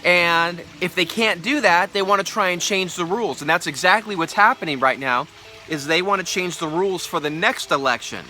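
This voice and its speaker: A man's voice: high voice, moderate pace, pushed and bright, faint music behind. A man giving an opinionated, casual vlog monologue, emphatic and repeating himself as he explains things to the viewer. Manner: explains with hypothetical examples and acted-out quotes, checks in with listener. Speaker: video creator.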